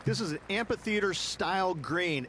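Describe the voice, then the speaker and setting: High-voiced male golf analyst. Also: moderate pace, a bit bright, a little hiss or hum. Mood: easygoing. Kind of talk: golf commentary in a video game.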